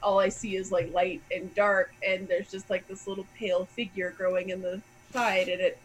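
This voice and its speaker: A woman co-hosting a casual comics podcast, chatty and playful with quick asides. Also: mid-range voice, level tone, rough recording. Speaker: podcast co-host.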